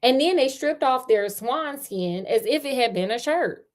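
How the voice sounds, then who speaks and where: Sitting high and sounding animated, this woman's voice moves at a moderate pace. She's an American host reading a fairy tale and interrupting it with sassy, joking, colloquial commentary.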